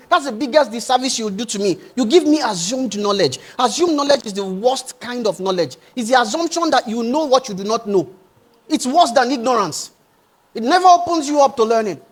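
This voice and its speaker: A middle-aged man giving a passionate motivational speech to young people, swinging between loud urging and quiet pleading. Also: very high voice. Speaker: motivational speaker.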